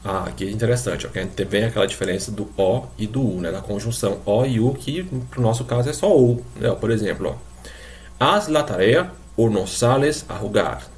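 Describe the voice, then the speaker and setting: A man's voice: lowish voice, fast, dark tone. A man from Brazil teaching a recorded class, explaining patiently and repeating examples for his students. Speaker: Spanish teacher. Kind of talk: recorded online class lecture.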